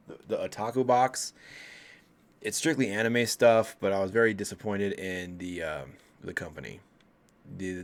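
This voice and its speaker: A vlogger in his late thirties from Colorado, USA, tells ghost stories straight to camera in a somewhat low voice. His casual, unscripted delivery rambles, restarts sentences, and throws asides to viewers.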